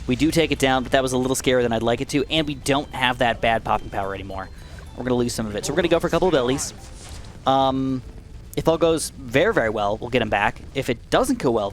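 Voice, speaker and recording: In a somewhat raspy, dry voice of medium pitch, a young gaming YouTuber talks through his play. His casual commentary shifts between energetic outbursts and muttered remarks.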